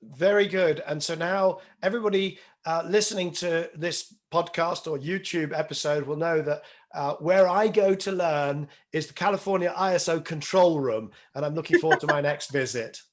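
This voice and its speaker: A man's voice: a little high, moderate pace. A man hosting a podcast interview and its outro, talking conversationally with many ums and uhs. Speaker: podcast host.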